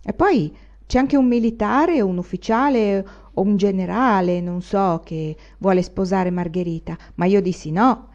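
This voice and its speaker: A woman's voice: medium pitch, measured pace, darkish tone, dull audio, natural voice. A woman voicing a tipsy, ragged old village woman who gossips in a wheedling way. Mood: gossipy.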